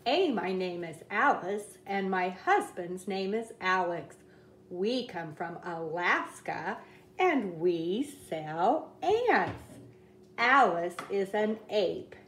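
A woman reading a children's picture book aloud at a table, in a slow, careful read-aloud cadence. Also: medium pitch, lively intonation, reverberant, slight background noise. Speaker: reader. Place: indoors at a wooden table.

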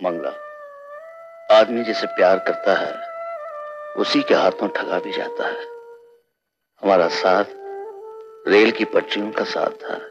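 A heartbroken blind husband, speaking in wounded, poetic reproaches. His lowish voice swings widely in pitch. The old film soundtrack is dull, with a background score under it. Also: wildly swooping pitch, slow, long pauses, over music, full character voice. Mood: sorrowful. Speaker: lead actor.

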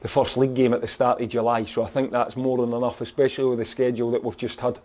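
A Scottish man speaks plainly as a football manager in a post-match interview. His voice is dark and mellow, and he talks in a frank, direct way with lots of "you know". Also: medium pitch, level tone, fast talker.

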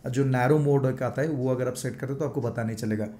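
A man in his thirties with an Indian accent reviews action cameras as a moto vlogger, speaking fast in a warm, mid-range voice. He chats casually from his indoor home gaming room, switching between Hindi and English and showing gear as he talks. A large foam mic sits on the desk in front of him.

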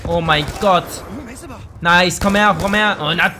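A young man giving live commentary over his shooter gameplay, excitable and slangy, often swearing in annoyance. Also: high-pitched, unhurried, noisy background. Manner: slangy, says "Alter" a lot. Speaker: let's play gamer. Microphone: gaming microphone.

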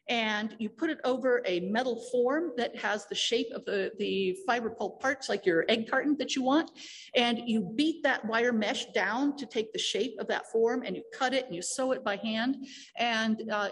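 A woman's voice: on the high side, slight background noise. A woman giving a technical conference talk in a lecture hall, explaining with frequent fillers and restarts. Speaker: conference speaker.

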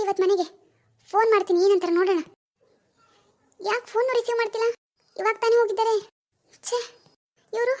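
A woman's voice: very high voice, a little mellow. A woman acting as a young wife who suspects her husband, wondering aloud in an anxious, questioning way. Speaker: actor in a family web drama. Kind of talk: amateur family drama acting.

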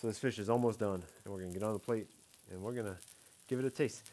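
A fishing vlogger in his thirties talks fast in a fairly low, darkish voice while tasting fish on an outdoor patio at night. Filmed on a head-mounted camera for a casual catch-and-cook vlog, he's laid-back and rambling, hedging with "I don't know" and "like".

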